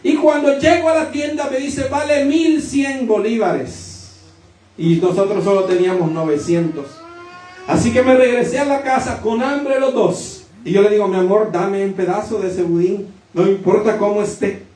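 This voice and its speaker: Male preacher, high-pitched, storytelling sermon style, distant mic in a roomy church. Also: fairly even intonation, moderate pace, darkish tone. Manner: storytelling, with rising emphatic declarations. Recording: echoey room from a distant mic.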